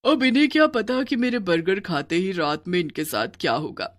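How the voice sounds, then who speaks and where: A woman voicing a fat, spiteful female witch in a cartoon who sells burgers, calling out loudly and gloating with a cackle. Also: fairly low pitch, animated, normal speed, close to an everyday voice. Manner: loud hawker's calls, cackling, spiteful gloating. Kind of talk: cartoon voice acting.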